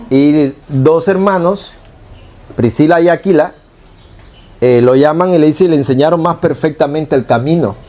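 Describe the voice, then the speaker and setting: A man's voice: a little high, a little mellow. A man preaching a conversational sermon in Cuban Spanish, asking rhetorical questions and correcting himself as he goes. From Cuba. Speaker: pastor.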